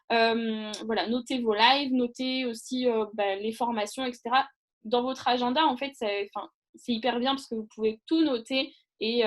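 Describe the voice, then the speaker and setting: A woman giving a casual live online training over a video call, chatty and rambling, with many fillers and restarts. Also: on the high side.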